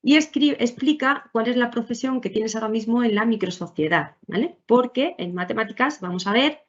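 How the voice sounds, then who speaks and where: Woman teacher walking colleagues through her materials, halting with fillers, on a dull lo-fi recording. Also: fairly high pitch. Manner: hesitant, many fillers and tag questions. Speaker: primary school teacher. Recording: dull lo-fi audio.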